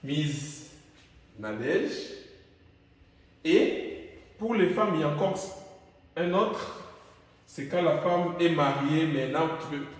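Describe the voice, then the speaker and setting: A man's voice: fairly high pitch, lively intonation, slow pace, pauses often. A man with a Central African French accent teaching English in a classroom, calling out example phrases with emphasis. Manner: drills English words with raised, emphatic calls. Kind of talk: classroom lesson. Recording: echoey room, far from mic.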